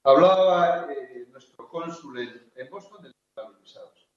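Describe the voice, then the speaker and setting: A man's voice: fairly high pitch, normal speed, a little hiss or hum. A man from Spain speaking on a conference panel, hesitant, with many fillers and restarts. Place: large conference hall. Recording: echoey hall, distant, dull lo-fi.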